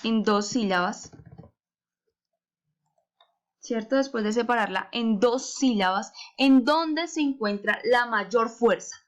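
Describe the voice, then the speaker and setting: A woman's voice: on the high side, slow pace, long pauses. Patient woman teaching young children. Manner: patient, asks frequent rhetorical questions, stretches words to stress syllables. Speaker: primary school teacher. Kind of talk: recorded remote lesson for children.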